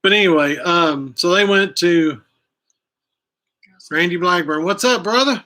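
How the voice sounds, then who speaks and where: A man's voice: sits high, a little slow, bright, forceful tone. A man hosting a live stream outdoors, chatting casually and rambling, often stopping to correct himself. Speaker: host of a live outdoors channel. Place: outdoors, chilly. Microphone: camera he angles himself.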